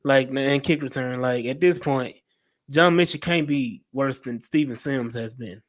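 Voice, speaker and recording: A man with a Texan accent co-hosting a sports podcast, animated and quick to laugh, breaking in to read listener comments. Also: medium pitch. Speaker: podcast co-host. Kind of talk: casual sports talk.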